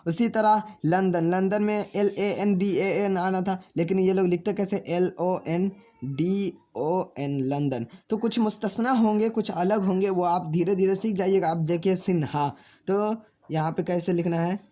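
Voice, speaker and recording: This man's voice is high and mellow as he teaches spelling. Addressing his audience as friends, he takes names one slow letter at a time and answers his own questions.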